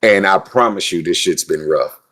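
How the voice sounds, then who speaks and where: A man's voice: low-pitched, moderate pace. A man co-hosting a casual podcast, venting heatedly and swearing a lot about a friend's blame. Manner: profane, venting, animated. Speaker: podcast co-host. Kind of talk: casual chat.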